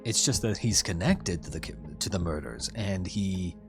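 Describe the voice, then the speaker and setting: A lowish-voiced man gives an animated, casual anime reaction on stream, working through his thoughts aloud in a halting way and repeating phrases as he goes. He swears offhandedly now and then, and soft music runs underneath.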